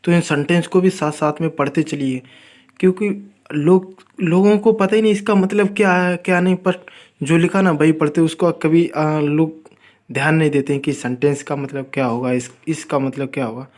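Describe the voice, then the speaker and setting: A man teaching English in a casual spoken lesson, repeating words slowly and talking to viewers as friends. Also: on the high side, flat delivery, darkish tone. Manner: addresses viewers as friends, informal.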